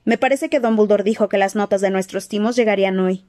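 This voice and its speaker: Una mujer que lee un audiolibro y da voz a un muchacho mago sincero y agobiado, hablando con calma y seriedad. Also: female voice, medium pitch, lightly acted. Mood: serious. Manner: quiet, earnest, measured. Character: teenage wizard boy, earnest and burdened. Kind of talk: audiobook character voice.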